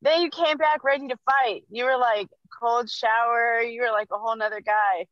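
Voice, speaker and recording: Higher-voiced woman on dull earbud audio. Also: fairly even intonation, moderate pace, a crowd in the background. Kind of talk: casual chat. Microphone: earbud headset.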